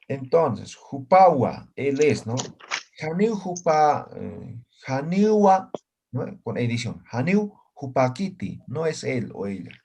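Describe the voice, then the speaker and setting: A man's voice: medium pitch, sing-song, slow, creaky, darkish tone, slightly rough. A man teaching a language class, patiently explaining and often checking in with his students. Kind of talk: classroom lesson.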